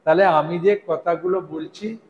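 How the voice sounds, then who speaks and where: A man preaching a devotional sermon to a live audience, speaking slowly and deliberately and often checking in with his listeners with questions. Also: high voice, steady tone, muffled recording. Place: hall with a gathered audience. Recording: echoey hall.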